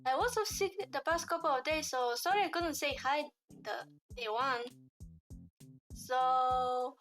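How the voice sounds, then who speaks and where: A woman voicing a bubbly, energetic teenage schoolgirl while reading a visual novel aloud. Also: measured pace, faint music behind. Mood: chatty. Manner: perky, high, bouncy delivery.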